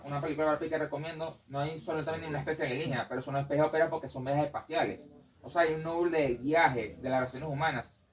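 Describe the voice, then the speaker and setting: A man's voice: fairly high pitch, far from the mic, poor audio. A man speaking as a panelist at a bookstore debate, rambling and correcting himself often. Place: bookstore event.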